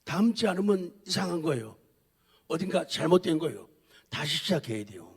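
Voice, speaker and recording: A man preaching a sermon with emphatic repetition, swinging between loud declarations and quiet, intimate asides. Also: on the high side, very animated, moderate pace, gravelly. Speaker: pastor.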